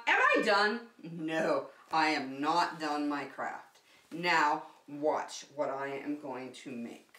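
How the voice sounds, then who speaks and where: Leading children through circle time and a craft activity, the middle-aged host speaks with a lowish, pushed, bright voice, keeping her words simple, sing-song and encouraging. The room echoes and the mic is placed far away.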